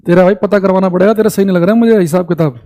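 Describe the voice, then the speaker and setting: Here the online teacher's voice is high-pitched and mellow, and he keeps things informal, calling his class "bhai" (brother). He dictates definitions slowly, repeating the important points so they can be copied. Audio complaints from students leave him exasperated.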